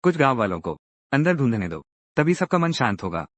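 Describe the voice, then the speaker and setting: A man's voice: medium pitch, sing-song, fairly quick, fairly bright tone, no room sound. A man narrating a drama recap and voicing every character's lines himself, acting each one out in turn.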